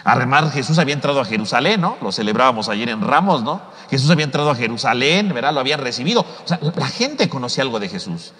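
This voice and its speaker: A man's voice: mid-range voice, sing-song, quick pace, few pauses, sharp tone, long reverb tail. A man teaching scripture in a parish course, chatty, ending nearly every sentence with a tag question. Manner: ends almost every sentence with a tag question and acts out the mockers' words. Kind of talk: conversational Bible teaching. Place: church or parish hall.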